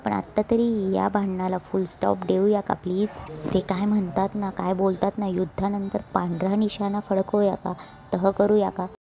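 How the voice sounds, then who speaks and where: A woman's voice: mid-range voice, flat delivery, moderate pace, creaky, dark tone, slight background noise, lightly acted, poor audio. A woman reading the lines of a remorseful young husband pleading with his wife for forgiveness, in a plain narrating voice. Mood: coaxing. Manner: read aloud in a plain narrating voice.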